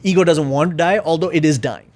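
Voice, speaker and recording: A man's voice: a little high, fast talker, darkish tone. A man talking as a podcast guest in casual conversation, reflective and searching for his words with frequent fillers.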